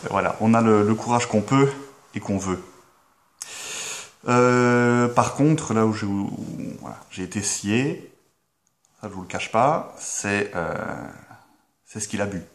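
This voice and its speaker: A young Belgian man with a Belgian French accent, telling a deadpan comic story to the camera in a halting way, full of filler sounds. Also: fairly low pitch. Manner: hesitant, full of filler sounds, with sudden mock-outraged yelps. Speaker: comedy vlogger.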